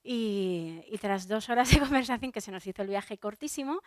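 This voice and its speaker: A woman's voice: medium pitch, lively intonation, normal speed, no room sound, studio quality. A woman from Spain with a Spanish accent, a soprano giving a chatty public talk and speaking straight to her audience, with many fillers and restarts.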